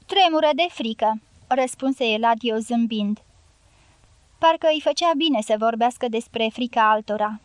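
A woman narrating an audiobook in an even, measured reading, close to the mic. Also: a little high, dry recording. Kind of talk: scripted narration.

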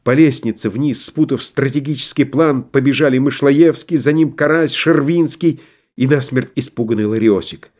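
A man reading a novel aloud as an audiobook narrator, with a measured, dramatic storytelling manner. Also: mid-range voice, darkish tone.

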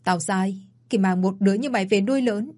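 A woman's voice: mid-range voice, brisk, darkish tone, lightly acted. A woman voicing a stern, unforgiving middle-aged mother who scolds coldly, in a spoken audio story. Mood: harsh. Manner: scolding, cold.

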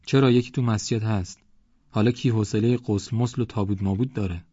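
A man voicing a loud, boastful village man who mocks and rants. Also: fairly low pitch, fairly even intonation, breathy edge, dry recording. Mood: blustering. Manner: mocking, blustering, rambling complaints. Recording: dull lo-fi audiobook recording.

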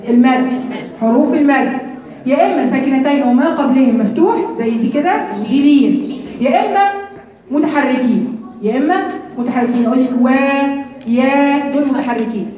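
In a booming classroom full of women students, a brisk Egyptian Quran recitation teacher with a high voice leads a spirited lesson in Egyptian-accented Arabic. She asks questions, answers them herself, and stretches out important terms. Recorded from far off, she comes through muffled amid student chatter.

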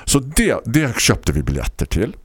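A man hosting a casual chat, telling a story in a lively way and laughing often. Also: breathy edge, dry recording. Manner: animated, laughing storyteller with big swings in pitch. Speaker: host.

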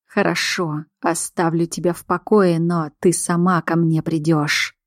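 A woman voicing a calm, controlling male alpha werewolf in an audiobook, speaking low and measured. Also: no echo, studio quality, natural voice. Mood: menacing.

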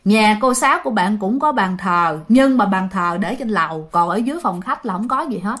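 Chatting straight to her audience, a Southern Vietnamese-accented woman recounts a ghost story. She speaks fairly quickly in a mid-range, slightly bright voice with lively intonation.

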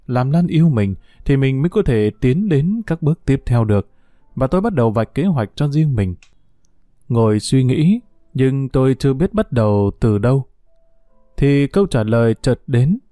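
Mellow calm male storyteller. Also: mid-range voice, no echo, studio quality. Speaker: narrator. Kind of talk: first-person story narration.

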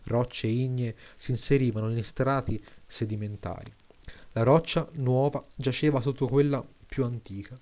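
A man reading a late-night story aloud in a calm, measured way, now and then restarting a word. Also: mid-range voice. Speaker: story reader.

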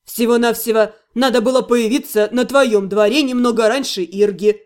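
A woman's voice: fairly high pitch, normal speed, a little mellow, pitched below the performer's own voice, close to an everyday voice. A woman reading an audiobook, voicing a brash, cocky male orc who teases and mocks. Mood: smug. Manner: smug, teasing.

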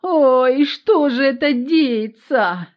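A woman's voice: sits high, slow pace, highs cut off, pitched above the performer's own voice. A woman voicing a lamenting, wailing village woman in an audiobook. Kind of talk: audiobook character voice.

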